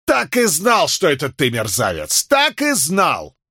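A man voicing a drunk, furious older male orphanage master who shouts and wheezes threats in an audiobook. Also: medium pitch, big pitch swings, measured pace, vocal fry, slightly rough, no echo, clean studio sound, heavily acted.

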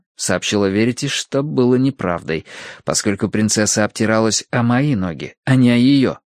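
A man reading a first-person story aloud with wry, lively narration. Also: mid-range voice, no room sound, studio quality. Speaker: audiobook narrator.

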